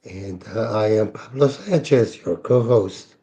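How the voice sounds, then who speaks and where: A man's voice: fairly low pitch, measured pace, mellow. A man co-hosting a faith talk show while losing his voice, sounding apologetic and good-humored. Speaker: co-host.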